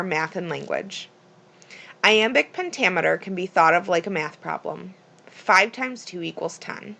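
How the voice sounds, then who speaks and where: Woman with a gravelly voice reading. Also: on the low side, fairly bright tone. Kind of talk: reading a school presentation.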